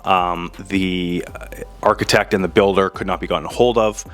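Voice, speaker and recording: A man's voice: low-pitched, fairly even intonation, normal speed, fairly bright tone, smooth, faint music behind. A man co-hosting as a realtor, explaining things in casual chat with fillers and self-corrections. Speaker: realtor co-host.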